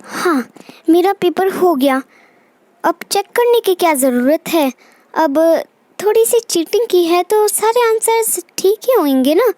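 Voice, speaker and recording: A performer brings Preeti to life in Hindi doll-story voice-acting: a cheeky, careless schoolgirl doll, the daughter, who talks chattily to herself. The voice is extremely high and animated, at a measured pace, with a slightly mellow quality.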